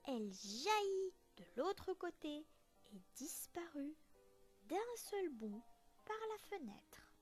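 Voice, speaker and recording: A woman teacher reading a children's story aloud in a slow, expressive storytelling voice. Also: high-pitched, faint music behind.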